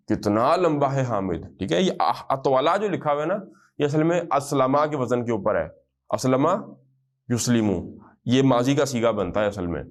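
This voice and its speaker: A man teaching a grammar lesson to a class at a steady, mid pitch. He slows right down to spell out each example phrase, then keeps checking that his students follow. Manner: explanatory, drills Arabic phrases slowly, checks understanding often.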